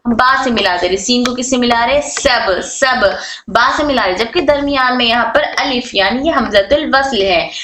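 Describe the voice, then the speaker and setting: Bright-voiced woman teaching in an echoey room. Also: on the high side, a little hiss or hum. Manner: repetitive, asks questions and answers them herself; drawn-out slow model readings of words. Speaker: teacher of Arabic letter rules. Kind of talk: online class lecture.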